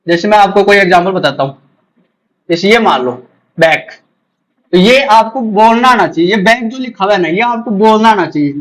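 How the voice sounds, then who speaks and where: A man with a high voice gives an exam-prep English lesson. He repeats key points and sounds words out slowly, one sound at a time, checking that students follow. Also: a bit bright, poor audio. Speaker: English teacher.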